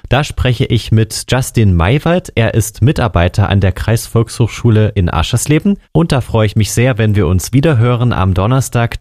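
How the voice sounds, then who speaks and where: A man, presenting a local radio feature in a calm, measured announcing manner. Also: mid-range voice, dry recording, studio quality. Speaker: radio host.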